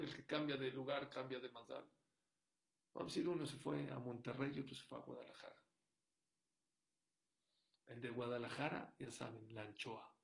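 A man giving a sermon, telling a story and swinging from hushed to loud as he makes his point. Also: medium pitch, gravelly. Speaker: rabbi.

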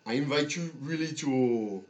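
Slow-speaking, halting male podcast host. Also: mid-range voice. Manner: halting, with long pauses and repeated words. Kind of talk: motivational monologue for a podcast.

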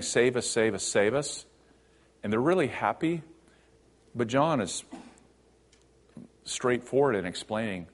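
A man delivering a sermon at a middle pitch, talking to the congregation like a teacher explaining a text. His delivery swings between emphatic bursts and quiet, low passages. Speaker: pastor.

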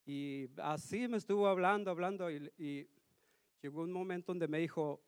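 A man's voice: fairly high pitch, moderate pace, clean tone, no room sound. A man giving a sermon as a guest preacher in a church, telling a personal story in an earnest, slightly nervous way. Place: church hall.

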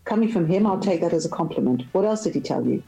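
A woman's voice: lowish voice, expressive, quick pace, vocal fry, dark tone, soft background music, low-quality recording. A woman reading aloud, voicing a dry, forthright young woman barrister in a novel. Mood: firm.

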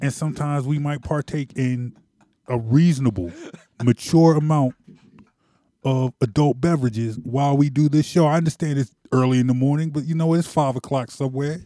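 A man's voice: mid-range voice, normal speed, mellow, dry recording. A man hosting a casual sports podcast from his home man cave, playful and rambling, repeating words, a little tipsy. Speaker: podcast host.

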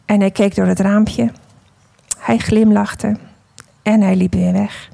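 A woman telling a parable and sharing her testimony in a gentle, slow, emphatic devotional storytelling style. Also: medium pitch, little pitch movement, gravelly, no echo.

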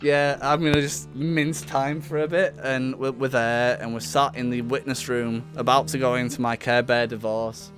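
Comedy podcast host, male, mid-pitched, profane and rambling, faint guitar underneath. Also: steady tone, moderate pace, few pauses, fairly bright tone. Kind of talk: improvised comedy storytelling.

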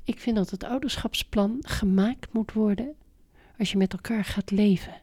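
A middle-aged parenting expert, appearing as a guest in a conversational interview, speaks emphatically about raising children and repeats her key points. Her mid-range voice is dark in tone, at a moderate pace.

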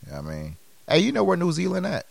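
A man co-hosting a casual podcast, throwing out animated rhetorical questions. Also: sits high, very fast, creaky, no room sound. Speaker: podcast co-host.

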